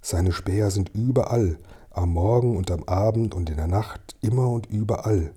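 A man's voice: lowish voice, a little slow, mellow, slightly rough. A man reading an audiobook and voicing a frail, starving old man who whispers and wails in fear. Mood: whispering fearfully. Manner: whispering, wailing, fearful.

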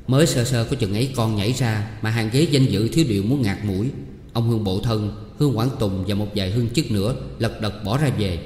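A man narrating a story in a steady storytelling manner, in an echoey hall. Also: on the low side, slight background noise.

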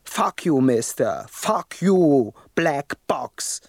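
A man's voice: a little high, very animated, very slow, noisy background, full character voice. An actor playing a young male rapper on death row, telling his story in a profane, agitated radio-play monologue. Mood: restless. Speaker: narrator of his own story.

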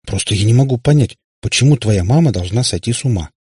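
A man's voice: mid-range voice, expressive, quick pace, warm tone, slightly rough, dry recording, studio quality. A male narrator voicing a tired warlock father who rambles pedantically. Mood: flustered. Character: weary, long-winded warlock father.

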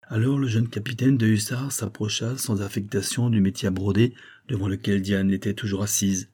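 A man narrates a novel in a measured, even way. His voice is deep and mellow, with a husky grain. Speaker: audiobook narrator. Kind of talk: scripted narration.

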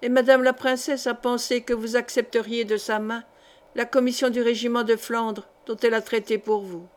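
A woman's voice: fairly high pitch, little pitch movement, moderate pace, natural voice. A woman reading as a proud young officer. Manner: earnest, proud.

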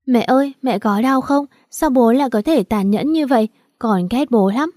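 A woman reading a storybook voices a young girl who is tearful and stubborn, talking in a pleading way that climbs in pitch. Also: moderate pace, warm tone, dry recording, clean studio sound, natural voice.

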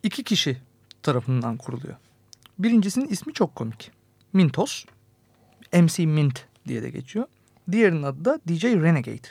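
A man's voice: fairly high pitch, very animated, normal speed, vocal fry, long pauses, darkish tone, breathy edge, no echo. A man co-hosting a radio music show, chatting casually with playful, self-mocking banter. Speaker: radio host.

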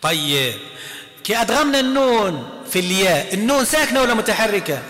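A man's voice: high-pitched, sing-song, a little fast, pushed and bright. Male teacher, Algerian accent, repeats every term, long hall reverb, roomy sound. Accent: Algerian Arabic. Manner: asks questions and answers them himself, repeats each term. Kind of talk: classroom lesson.

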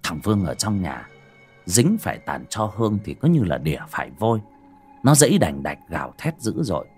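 Man, horror story narrator, dramatic, lively pitch, husky, faint music behind. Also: moderate pace.

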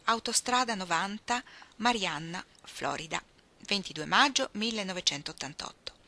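A woman reads a novel aloud in clear, expressive narration. Her voice is bright and sits at a middle pitch. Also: normal speed. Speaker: audiobook reader. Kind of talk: scripted narration.

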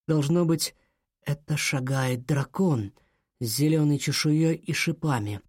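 A man narrating a children's adventure audiobook in a measured storytelling delivery. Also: fairly high pitch, a little mellow, slightly rough, no room sound, studio quality.

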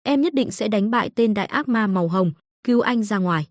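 A woman's voice: mid-range voice, animated, fairly quick, no room sound, studio quality, natural voice. A woman voicing a sweet, earnest little boy. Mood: tearful. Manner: earnest, sobbing. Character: sweet, tearful little boy, younger twin.

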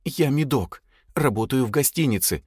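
A man's voice: mid-range voice, expressive, normal speed, husky, no echo, studio quality, voice pushed up. A man voicing a scared young male hotel worker who pleads and whimpers. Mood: whining.

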